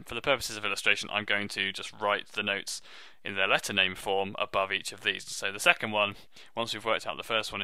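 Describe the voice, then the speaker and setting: Here a deep, low-voiced man walks through music theory step by step in an online lesson, friendly and quick to poke fun at himself. His tone is pushed, bright and smooth, and there's no echo at all.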